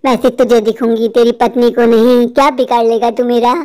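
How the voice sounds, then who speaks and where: A woman voicing a vengeful, grieving female witch spirit in a cartoon, with slow, gloating threats. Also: on the high side, flat delivery, mellow, close to an everyday voice. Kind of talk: cartoon voice acting.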